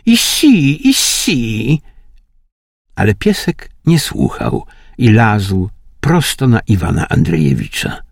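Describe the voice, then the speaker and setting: Slow gravelly male audiobook reader. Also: sits low, no echo, studio quality. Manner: slow, expressive reading. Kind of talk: audiobook narration.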